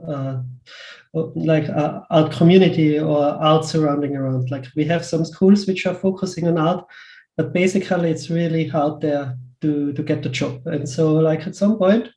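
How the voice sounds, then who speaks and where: Heard in an echoey, spacious recording, this interview guest is a pixel artist from Western Austria with an Austrian accent. His somewhat high voice is mellow and steady at a moderate pace, and his casual talk keeps circling back, with repeated words and frequent "like" asides.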